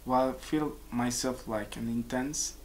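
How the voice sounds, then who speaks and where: In a low-quality recording with faint hiss, a young Peruvian man in his twenties, a composer and musician, answers interview questions casually. He speaks at a medium pitch in a steady tone, stopping and restarting as he hunts for words in a small office hung with pictures.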